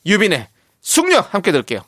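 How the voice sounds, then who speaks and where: A man's voice: high voice, huge pitch swings, fast talker. A man hosting a radio show, chatting casually in an upbeat, agreeable way and reading listener messages. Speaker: radio host.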